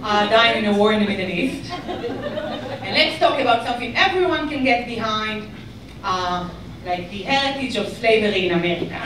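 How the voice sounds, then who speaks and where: A woman from Israel with an Israeli accent doing a stand-up comedy set, deadpan and ironic with bursts of mock outrage. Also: mid-range voice, normal speed, a crowd in the background. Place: comedy club stage. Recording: echoey club, mic far away, audience noise. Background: audience laughter.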